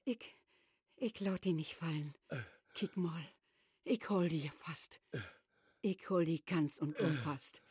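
An actress playing a weary elderly wife who cares for her sick husband, speaking brisk and scolding but tender, with a Low German tinged North German accent. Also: expressive, husky, dry recording, clean studio sound. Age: older.

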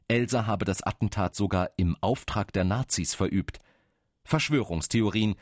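Male narrator, deep register, sober and factual scripted documentary read, dry studio sound. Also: no room sound.

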